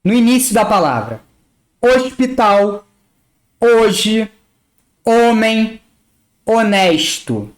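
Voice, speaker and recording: Woman teacher, Rio accent, very slow and deliberate, lively pitch, spelling out letters and words one by one. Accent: Rio de Janeiro Portuguese. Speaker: language teacher. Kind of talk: slow, careful pronunciation lesson.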